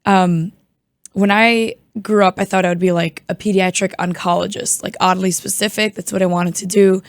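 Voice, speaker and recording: Hoarse young woman, chatty New Yorker. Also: mid-range voice, steady tone, normal speed, no room sound, clean studio sound. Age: 20s. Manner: chatty, many "like" fillers. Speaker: guest. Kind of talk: casual chat.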